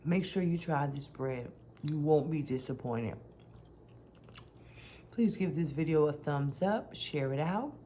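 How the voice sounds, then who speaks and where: A woman's voice: low voice, measured pace, mellow, slight background noise. A woman hosting a casual cooking vlog, talking straight to her viewers and humming over each bite. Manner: savoring food with long hums; chatty, addresses viewers directly. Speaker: cooking channel host.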